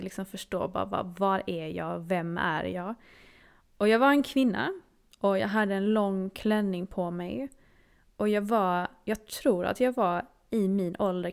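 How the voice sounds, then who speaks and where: A woman's voice: mid-range voice, vocal fry. A woman telling a personal story in an earnest, intimate way, sometimes dropping to a near-whisper.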